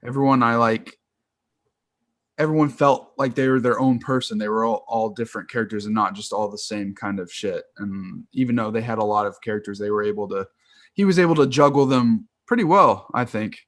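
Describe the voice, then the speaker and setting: With a fairly bright tone and a voice on the low side, a twenty-something man talks a little fast about movies. A film podcast co-host on a video call, he rambles with enthusiasm and lots of slang, in dry, studio-quality audio.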